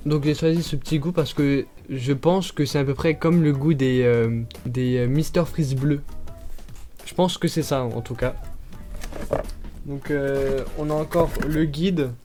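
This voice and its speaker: A man's voice: on the high side, steady tone, measured pace, dark tone, faint music behind. A man chatting casually while unboxing products, hesitating often with fillers and breaking into short laughs.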